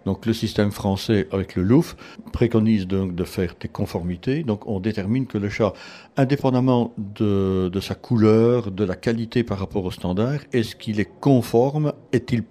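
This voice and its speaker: A man from Belgium, a cat show judge, answering interview questions in a measured, explanatory way with frequent restarts. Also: on the low side, mellow.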